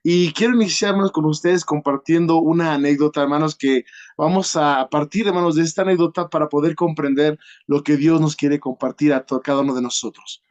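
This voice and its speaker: Guy preaching a sermon, kinda high voice, earnest, keeps talking right to the congregation, lots of ums and pauses. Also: fairly even intonation, a little mellow, highs cut off. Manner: peppers nearly every phrase with a direct address to the congregation; earnest, with drawn-out pauses and filler sounds. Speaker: guest preacher.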